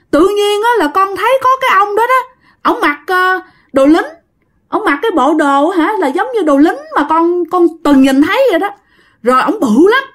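A woman voicing a terrified eight-year-old boy, high and shrill, crying in pain. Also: fairly bright tone.

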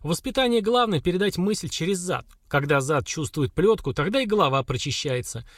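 A man's voice: fairly high pitch, animated, fairly quick, fairly bright tone, dry recording, studio quality, voice pushed up. A man voicing a stern, mocking older woman warrior who scolds the girls. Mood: scolding.

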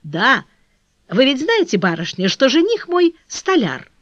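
A woman reading an audiobook and voicing a warm, eager young flower girl who talks in excited, pleading exclamations. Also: sits high, a little slow, no room sound, voice pushed up, full character voice. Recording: dull dry lo-fi recording.

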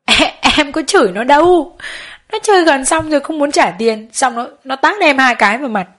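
Woman narrator doing whiny young girl, complaining, pitched up. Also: expressive, very fast, sharp tone.

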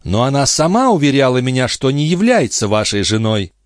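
A man's voice: medium pitch, sing-song, a little fast, no room sound, voice pushed up, lightly acted. Guy reading a book as a scared proud princess, urgent, dry close mic. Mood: alarmed. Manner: exclaiming, urgent. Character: agitated noble princess, proud and frightened. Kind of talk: audiobook reading.

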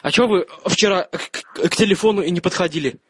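A man's voice: high-pitched, a little fast, fairly bright tone, husky, dry recording. A man making a casual prank call over the phone, asking needling questions with mock concern. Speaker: prank caller. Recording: faintly noisy phone line.

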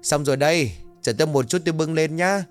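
A man voicing a quick-tempered middle-aged peasant wife, scolding in fast, shrill bursts. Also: soft background music, lightly acted.

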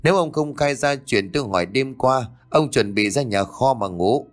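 A man voicing a domineering middle-aged landlord's wife who scolds and gives sharp commands. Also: medium pitch, lively intonation, normal speed, lightly acted. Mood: stern commanding.

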